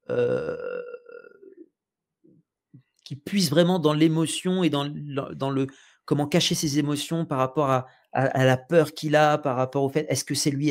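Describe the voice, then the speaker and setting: French man, podcast host, slightly high voice, animated and hesitant. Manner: animated, many hesitations and restarts. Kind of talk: casual chat about films.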